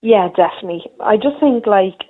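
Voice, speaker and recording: A woman's voice: mid-range voice, expressive, a little fast. A woman, calling in to a radio show over a phone line, chatting freely with lots of fillers. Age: 20s. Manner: chatty, full of "like" and "you know". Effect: heard over a phone line.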